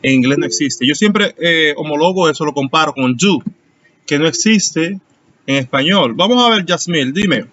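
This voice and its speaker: A man's voice: a little high, animated, normal speed, fairly bright tone, muffled recording, a little hiss or hum. A man who is a teacher, explaining grammar to students in an online class and calling on them by name. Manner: explanatory, asks students questions. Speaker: English teacher.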